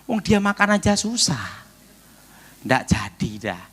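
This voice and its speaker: Animated, bright-voiced pastor preaching. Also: male voice, high-pitched, a little slow, slightly rough. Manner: lively storyteller who acts out loud prayers in sudden bursts; jokey, laughs at his own stories. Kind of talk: sermon with personal testimony.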